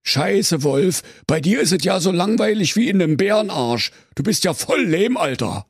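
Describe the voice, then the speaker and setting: A man voicing a dim, loud teenage male bear in Berlin dialect, squeaky and shouting. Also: expressive, normal speed, husky, no room sound, studio quality, exaggerated voice. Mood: excited.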